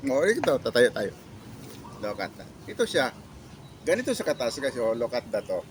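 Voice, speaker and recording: A Filipino man reviews a product in a casual demo, speaking haltingly and repetitively with catchphrases. His mid-range voice swings widely in pitch, and there is slight background noise.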